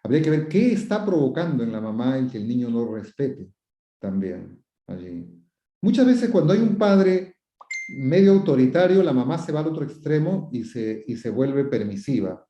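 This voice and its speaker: Very animated and warm, with a mid-range voice at a moderate pace, this psychotherapist answers viewers' questions with advice. He repeats ideas, throws in rhetorical questions, quotes the people asking and acts out phrases, captured in dull, roomy lo-fi audio.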